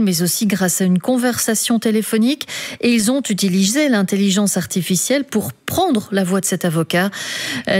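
Fields: Sex: woman. Role: newsreader. Pitch: mid. Style: steady, measured bulletin reading. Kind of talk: radio news bulletin.

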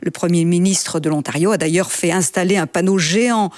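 A woman's voice: on the low side, a little fast, a little mellow, no echo, studio quality. A woman giving a scripted, explanatory radio segment in a conversational way, from Belgium. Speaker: radio columnist.

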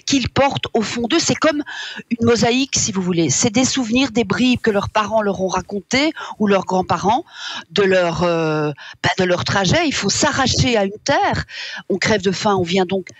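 A woman talks as a radio guest, thoughtful and halting, often pausing on fillers. Her voice is slightly husky and mid-pitched. The sound is dry and close. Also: animated, dry recording. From Wallonia, Belgium. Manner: reflective, hesitant with many fillers. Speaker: author and guest. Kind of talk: radio interview.

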